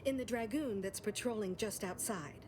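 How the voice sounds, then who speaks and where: An actress playing a prim, sardonic scientist in a video game, speaking with dry precision. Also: female voice, mid-range voice, moderate pace, noisy background, natural voice. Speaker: game character.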